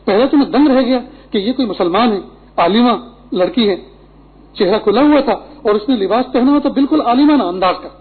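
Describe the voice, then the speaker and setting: A man's voice: very high voice, slightly rough. A middle-aged man preaching a Friday sermon, earnest and instructive, with Arabic quotations. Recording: tinny phone-like lo-fi recording.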